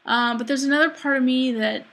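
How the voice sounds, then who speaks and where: A woman vlogger talking confessionally about herself, reflective and halting as she thinks aloud. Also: high-pitched, fairly bright tone. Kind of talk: confessional personal vlog.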